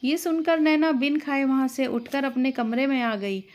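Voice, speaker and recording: A woman's voice: high voice, normal speed. Woman telling a family story. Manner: steady, plain storytelling. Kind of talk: scripted story narration.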